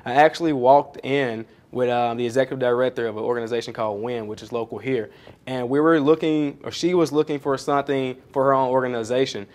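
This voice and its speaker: A man speaking as the featured guest at a small startup event. He rambles cheerfully through his answers, with plenty of ums and jokes at his own expense, at a middling pitch. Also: fast talker, a little mellow. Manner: chatty, rambling, self-deprecating, many fillers. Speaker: pastry chef and founder, featured speaker. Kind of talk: casual onstage Q&A answers. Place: coworking space event.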